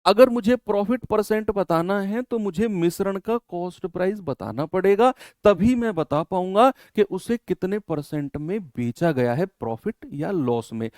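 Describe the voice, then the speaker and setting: Man, online maths teacher, smooth resonant voice, dry close recording. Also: dry recording. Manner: lively teacher, asks the class questions and answers them himself; drops to low, quiet complaining when scolding students. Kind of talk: live online maths class.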